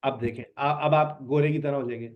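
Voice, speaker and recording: A man's voice: mid-range voice, fairly even intonation, brisk. A man teaching an online spoken English lesson, repeating words with emphasis to drill them. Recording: dull lo-fi sound.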